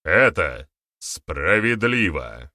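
A man voicing a stern middle-aged war chief who speaks forcefully and with emphasis, in a storybook reading. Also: deep voice, a little slow, dry recording, clean studio sound, exaggerated voice.

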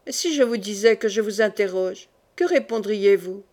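A woman voicing a suspicious, stern young French king who questions his court in a probing, quietly menacing way, in an audiobook. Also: mid-range voice, moderate pace, close to an everyday voice.

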